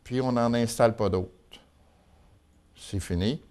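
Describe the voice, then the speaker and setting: A local news and gossip columnist with a Quebec French accent delivers an informal chronicle of local news in a folksy, colloquial style. His voice is mid-range, unhurried, and darkish in tone.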